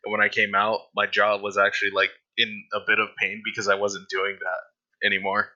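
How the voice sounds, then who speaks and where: A young man joining a podcast as guest, speaking in a hesitant, measured way. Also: on the low side, completely flat delivery, sharp tone, highs cut off. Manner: hesitant, measured, many fillers. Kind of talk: casual chat.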